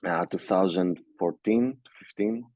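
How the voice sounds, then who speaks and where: A young Greek man and music producer, speaking English as a second language with a Greek accent, is a guest in a casual interview. His voice is low-pitched and darkish with no echo, and he talks haltingly, full of fillers and restarts.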